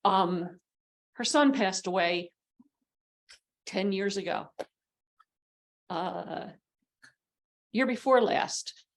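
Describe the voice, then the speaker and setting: Woman on a panel telling a personal story, slow pace, mid-range voice. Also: mid-range voice. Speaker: panel speaker, parent. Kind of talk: personal anecdote to a group.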